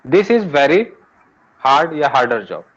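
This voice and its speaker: A man with an Indian accent leads a classroom grammar lesson, explaining step by step and pausing to ask his students for answers. His voice sits a little high for a man. The recording is dull and lo-fi. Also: sing-song, slightly rough. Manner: explains patiently, mixes languages, asks students for answers. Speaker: English teacher.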